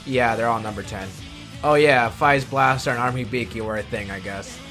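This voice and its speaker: Speaking at medium pitch and a moderate pace, a man hosts a scripted countdown video with wry, self-deprecating commentary. Background music plays underneath.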